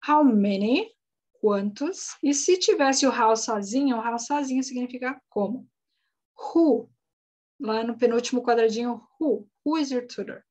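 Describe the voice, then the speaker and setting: A woman's voice: fairly high pitch, expressive, unhurried, a little mellow. A woman, recapping an online English lesson and spelling words out patiently. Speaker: English teacher.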